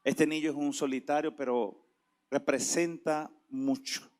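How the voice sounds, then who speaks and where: A man voicing a kind, sure-minded church sister in a lowered, soft, steady voice. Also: measured pace, lightly acted. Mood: calm.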